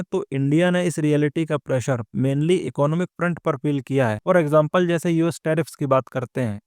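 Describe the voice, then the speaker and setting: A man's voice: a little high, a little mellow, no room sound, clean studio sound. A man hosting a scripted explainer on world affairs. He speaks steadily and analytically, talks straight to his viewers, and mixes English words into his Hindi. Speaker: explainer host.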